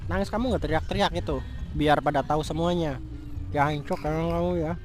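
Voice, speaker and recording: A man's voice: on the high side, steady tone, brisk, soft background music, natural voice. A man playing a furious young man who scolds and curses his cheating fiancée in a scripted street drama. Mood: angry. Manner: angry scolding, cursing. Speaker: jilted fiancé.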